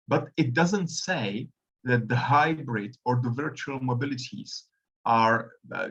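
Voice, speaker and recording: A man's voice: medium pitch, husky, muffled recording. A man from the Republic, speaking hesitantly with many fillers as a panelist in a webinar discussion. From Czech Republic.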